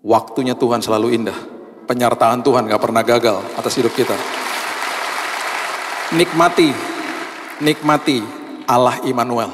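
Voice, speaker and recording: A pastor preaching a sermon in a large church, telling a personal story in a colloquial, humorous way. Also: male voice, medium pitch, a little hiss or hum. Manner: humorous, colloquial, acts out quoted voices. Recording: long reverb of a large church hall.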